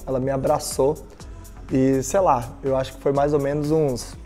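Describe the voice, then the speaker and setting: A man from Brazil gives a motivational talk and tells a personal story with emphatic, direct address to the listener. His voice is mellow and mid-pitched, with faint music underneath. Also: level tone, normal speed. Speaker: motivational speaker.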